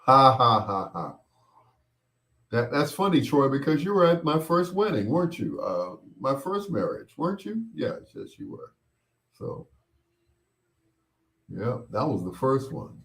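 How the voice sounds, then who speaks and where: A middle-aged man hosts a bedtime stories show, chatting casually and reminiscing as he answers listener comments. His medium-pitched, fairly bright voice swings widely in pitch, and he rambles unhurriedly, pausing often and repeating himself.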